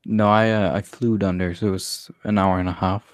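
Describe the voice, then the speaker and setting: A man's voice: sits low, level tone, brisk, no room sound, studio quality. A young man in casual podcast chat, laid-back and hesitant, trailing off with fillers. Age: young adult. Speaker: podcast co-host.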